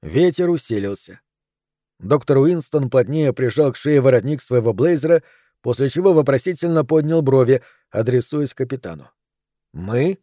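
A man narrating an audiobook novel in an even, storytelling manner. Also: medium pitch, moderate pace, dry recording, clean studio sound. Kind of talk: scripted narration.

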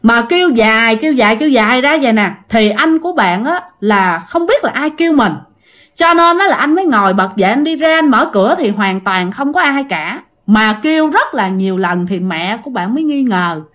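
A woman's voice: on the high side, lively intonation, brisk, a bit bright. Chatty woman telling ghost stories. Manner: chatty, addresses listeners directly, many fillers. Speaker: ghost story teller. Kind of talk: casual spoken storytelling.

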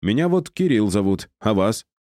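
Male reader playing a glib young clerk pitched up high, flattering and pushy. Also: no echo, clean studio sound. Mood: wheedling. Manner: flattering, wheedling, quick to bargain.

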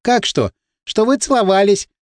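Brief: cheeky little girl of eight, high and singsong, as a male narrator puts her on. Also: big pitch swings, normal speed, no echo, studio quality. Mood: teasing. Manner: cheeky, wheedling.

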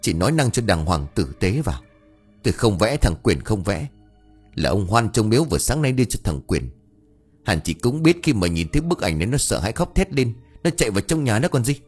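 A man voicing a young second wife who is calm but firm and answers back curtly. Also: lowish voice, brisk, breathy edge. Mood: retorting. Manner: sharp, curt comebacks. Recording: faint background music.

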